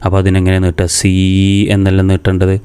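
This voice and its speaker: A man from Kerala teaching a reading lesson step by step, patiently asking questions and answering them himself, saying each sound slowly and repeating it. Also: deep voice, steady tone, mellow. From Kerala, India. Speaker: madrasa teacher.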